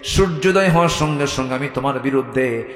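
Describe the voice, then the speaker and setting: A man preacher voicing a bold, indignant poor woman in a low scolding tone, in an echoey hall. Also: quick pace, a bit bright, lightly acted. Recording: echoey hall with faint music.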